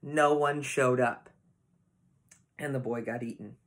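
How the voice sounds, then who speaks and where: Youth pastor, male, unhurried delivery, mid-pitched, chatty storytelling to teens. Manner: casual, animated storytelling with acted quotes. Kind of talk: youth Bible lesson.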